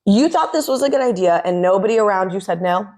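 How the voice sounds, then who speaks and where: A woman's voice: mid-range voice, lively intonation, fast talker, a little mellow. A woman giving opinionated commentary, exasperated and sarcastic. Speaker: commentary vlogger.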